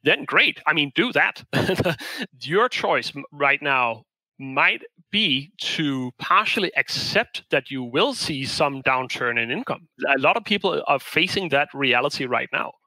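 A man's voice: on the high side, lively intonation, measured pace, bright, forceful tone, no room sound, low-quality recording. A man from Denmark, a management consultant, answering interview questions in a thoughtful, explanatory way with frequent restarts.

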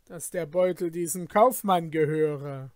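A man voicing a stern, commanding male caliph in a read-aloud fairy tale, measured and authoritative. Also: fairly high pitch, darkish tone, no room sound, clean studio sound, close to an everyday voice.

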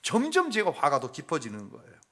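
A middle-aged male pastor telling a personal family story in a sermon, moving between hushed confession and loud acted-out quotes. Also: a little high, huge pitch swings, brisk.

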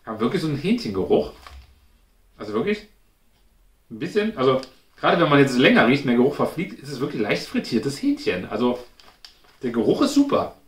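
A food review host chats informally while hosting a snack taste-test at home, indoors in front of a glass cabinet, thinking aloud as he goes. His mid-range voice is very animated and fairly quick, with long pauses, and the recording has a roomy echo and clear background noise.

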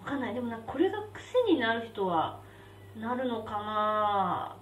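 A woman's voice: on the high side, moderate pace. A young woman hosting a casual live stream, chatting and reacting aloud as she eats spicy noodles and reads out viewer comments. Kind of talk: casual live-stream chat while eating. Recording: roomy, slightly distant mic with faint background hum.

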